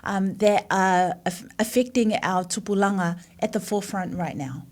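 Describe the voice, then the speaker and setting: A woman's voice: medium pitch, moderate pace. A woman hosting a breakfast radio show, interviewing in two languages and affirming her guest with short responses.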